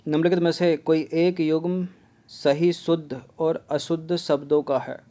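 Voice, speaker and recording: Man drilling spellings, slightly high voice. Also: little pitch movement, mellow. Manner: repeats words slowly to drill spelling; explains step by step, often says 'theek hai'. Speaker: exam prep teacher. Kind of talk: Hindi grammar lesson.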